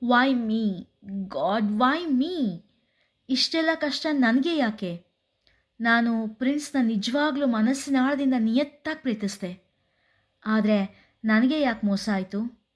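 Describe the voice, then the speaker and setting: A woman's voice: a little high, slow pace, pauses often. A woman voicing a heartbroken young woman who feels betrayed, speaking an anguished, self-blaming inner monologue. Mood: grieving.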